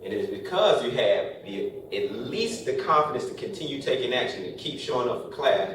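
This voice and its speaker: A man's voice: medium pitch, very animated, fairly quick. A man giving a joking motivational talk to college students in a classroom, tossing out rhetorical "right?" questions. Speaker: speaker addressing college students. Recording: very echoey room from a distance, faint noise.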